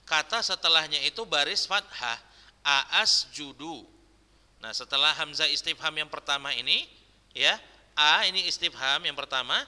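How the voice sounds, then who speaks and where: A man teaches a class, reading and repeating phrases slowly and correcting how they are said. His voice is a touch high and notably bright. The sound rings with a long reverb in the room. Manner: slow, drawn-out dictation with repeated corrections. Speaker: Islamic teacher. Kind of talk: classroom Arabic grammar lesson.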